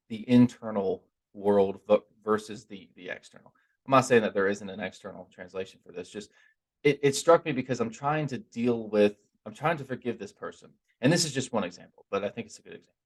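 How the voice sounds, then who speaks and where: A man giving an informal, earnest spiritual talk in a conversational, stop-and-start way, his r sounds softened toward w. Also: fairly low pitch, a little fast. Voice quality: trouble pronouncing r, softened toward w. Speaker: religious teacher giving a talk.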